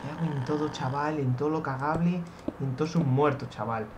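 A young man from Spain with a Spanish accent, giving excitable Minecraft let's play commentary, swearing and shouting when startled. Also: fairly high pitch, brisk, background noise. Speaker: gaming youtuber.

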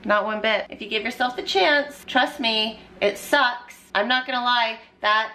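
A woman's voice: a little high, unhurried, over music. A woman who works in nutrition, chatting casually and upbeat to her vlog audience. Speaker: nutrition vlogger.

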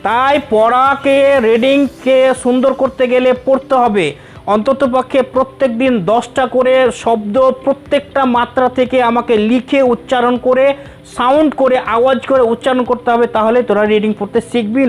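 A man with a strikingly high voice teaches a beginners' reading class. He sounds out each syllable and repeats it patiently, talking to his pupils in a familiar way. Faint music plays underneath. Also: steady tone. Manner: repeats syllables slowly to drill pronunciation; addresses students familiarly.

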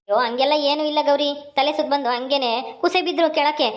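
A woman's voice: high-pitched, lightly acted. Woman playing a grieving village son. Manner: rapid, wailing lament. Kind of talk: village family drama skit.

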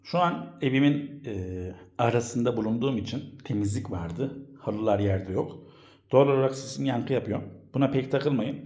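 Man, casual home how-to presenter, hesitant fillers, booming echo from an empty room. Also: a little mellow. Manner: explanatory, with frequent hesitation fillers. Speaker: home appliance demonstrator. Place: home room with bare floors, carpets removed. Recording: echoey bare room at home.

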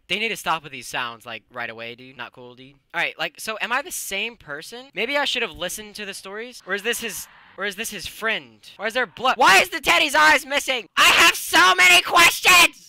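A young man commentates on a horror game in casual slang. He is jumpy and excitable, with swooping pitch and a very bright, forceful tone. The sound is close and dry. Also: no echo. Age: young adult. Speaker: gaming video host. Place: small room indoors.

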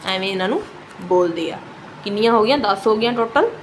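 A woman teaching a lesson. She asks questions and answers them herself, and she draws out her example words slowly. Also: mid-range voice, expressive, a little hiss or hum, low-quality recording.

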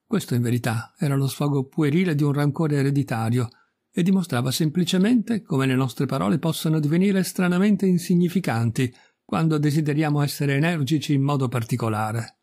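A middle-aged man reading a classic story aloud in a measured, literary way, lifting his pitch a little for quoted speech. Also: darkish tone. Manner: measured literary reading, quoting characters with small pitch rises. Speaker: audiobook reader. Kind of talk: scripted narration of a classic tale.

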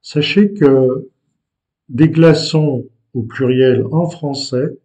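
A male language teacher with a mellow, dark, medium-pitched voice explains vocabulary to learners. He speaks at an unhurried, deliberate pace, pausing and hesitating between phrases. His manner stays patient and explanatory throughout.

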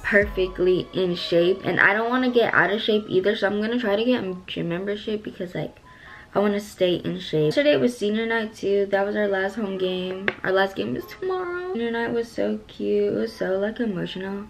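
A woman's voice: mid-range voice, moderate pace, vocal fry. Chatty teen girl vlogging over music. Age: teens. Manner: chatty, full of "like" and slang. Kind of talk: casual chat to camera. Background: background music.

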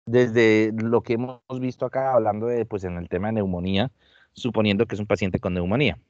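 A man lectures medical students over a video call, pressing them with questions and repeating words for emphasis. His voice sits low and sounds dry and close. The call audio is dull and lo-fi. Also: steady tone, fairly quick, a little mellow, no room sound. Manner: questioning, repeats phrases, calls on students by name. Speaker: doctor teaching a class. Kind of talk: online class lecture. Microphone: computer mic on a video call.

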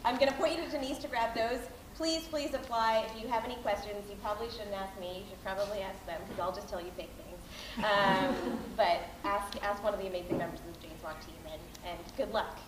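A Canadian woman in her thirties gives a casual, bubbly announcement in an everyday voice of middling pitch. She fills her talk with ums and likes. She is caught by a distant camera in a large, reverberant hall with faint background hiss. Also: fairly even intonation, brisk. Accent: Canadian English. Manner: bubbly, chatty, many fillers. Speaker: board chair announcing grants. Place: large hall with a mural, indoors. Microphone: far camera, no microphone.

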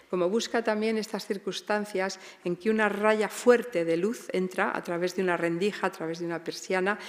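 A woman curator giving an art history lecture in a large hall, speaking hesitantly with many fillers and tag questions. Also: lowish voice. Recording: long reverb of a big hall.

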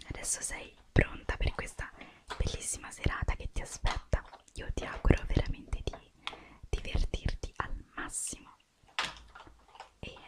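A young woman whispering softly through an ASMR roleplay as a makeup artist, gently guiding the listener step by step.

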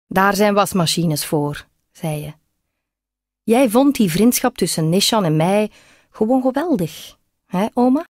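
A woman reading a first-person story aloud in a measured, reflective way. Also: medium pitch, a little mellow, no echo, clean studio sound. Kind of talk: audiobook reading.

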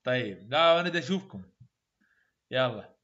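A man with an Iraqi Arabic accent teaching English phonetics in a classroom. He repeats sounds slowly and praises his students often. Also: mid-range voice, lively intonation, a bit bright, dull audio. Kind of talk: classroom pronunciation drill.

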